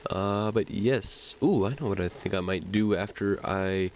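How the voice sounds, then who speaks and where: A man narrates his video game session in a loose, rambling way, full of ums and uhs. His voice sits on the low side and his nose sounds a bit stuffy. He talks at an unhurried, dragging pace. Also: slight background noise, poor audio. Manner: rambling, self-chatting, many fillers. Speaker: gaming commentator. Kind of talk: let's play commentary.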